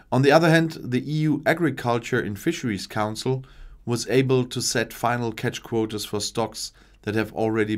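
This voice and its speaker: Guy in his 40s reading news at a desk mic, fairly low voice, steady, little slips here and there. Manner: measured, reads long official passages with small slips. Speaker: news commentator. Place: small home studio with shelves and lights. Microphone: desk microphone in front.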